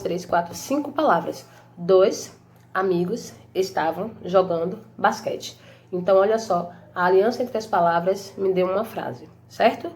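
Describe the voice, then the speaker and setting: A woman's voice: medium pitch, a little mellow. Woman teacher talking to kids, patient, keeps checking they got it, bit of hiss behind. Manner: patient, repeats key points, frequent check-ins. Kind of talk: online Portuguese lesson for children.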